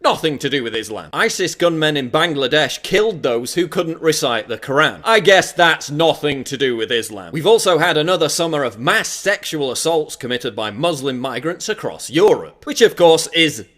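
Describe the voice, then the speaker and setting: A man's voice: a little high, sing-song, moderate pace, few pauses, fairly bright tone. Sarcastic male video narrator. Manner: sarcastic, mocking. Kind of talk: scripted narration.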